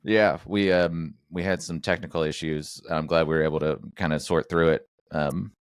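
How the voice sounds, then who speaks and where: A man's voice: very deep voice, steady tone, normal speed, clean tone, dry recording, clean studio sound. A man hosting a podcast, chatting casually with lots of jokes, fillers and restarts. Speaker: podcast host. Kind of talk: casual interview chat.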